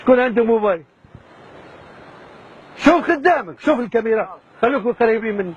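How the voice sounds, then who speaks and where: Fast-talking prankster with a very high voice. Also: male voice, lively intonation, lo-fi sound, slight background noise. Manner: repeats reassurances. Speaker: hidden camera prankster. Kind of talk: coaxing, then apologetic.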